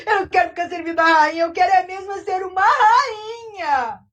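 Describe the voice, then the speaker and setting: A woman's voice: extremely high pitch, a little fast, a bit bright, recorded from a distance, pitched above the performer's own voice. A whiny wailing old lady. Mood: sobbing complaint. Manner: whiny lamenting sighs, sobbing. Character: wailing, never-satisfied old woman.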